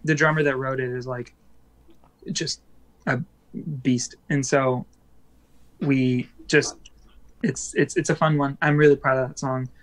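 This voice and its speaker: Here a man who plays in a band talks loosely as a guest on an interview, full of filler words and brief laughter. His mid-range voice barely moves in pitch, and the audio quality is poor.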